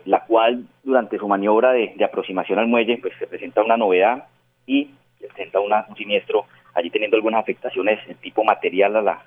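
Man, port captain, phone interview, formal hesitant official talk, rapid, thin phone sound. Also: lowish voice. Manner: formal, measured official speech with frequent hesitations. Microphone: telephone. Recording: tinny phone line.

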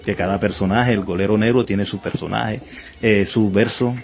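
A man's voice: on the low side, steady tone, normal speed, vocal fry, darkish tone, soft background music. A man with a Colombian Caribbean accent, telling things informally as an interviewee. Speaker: folk dance group heir, interviewee.

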